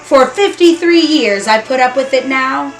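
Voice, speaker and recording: A woman's voice: high voice, unhurried, voice pushed up. Woman acting out sour old male storybook grump, sly, snarling, theatrical, roomy echo, music behind. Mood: exasperated. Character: sour, scheming old male Grinch who hates Christmas.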